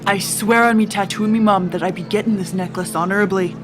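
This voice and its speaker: A woman's voice: mid-range voice, steady tone, fast talker, lightly acted. A woman voicing a flirtatious, swaggering male pirate captain in a storybook tale, with a stage pirate accent and a hearty, wheedling manner. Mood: wooing, boastful. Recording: music behind the voice.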